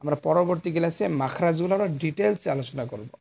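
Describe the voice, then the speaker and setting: A man's voice: fairly high pitch, fast, vocal fry, a little mellow. A man with a Bangladeshi Bengali accent teaching Quran letter pronunciation, patiently stretching out each sound and explaining where the tongue goes. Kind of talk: slow pronunciation lesson.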